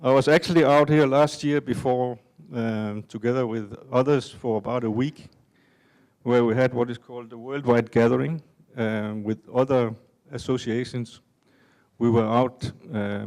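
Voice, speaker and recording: Older man, from Denmark, conference speaker, halting, filler-heavy delivery. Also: mid-range voice, fairly even intonation, darkish tone. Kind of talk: conference talk. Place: conference hall.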